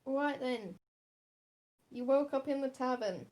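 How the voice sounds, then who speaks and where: A woman's voice: sits high, takes it slowly, darkish tone. A woman, narrating a tabletop game as game master in a laid-back way. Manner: laid-back, laughs easily.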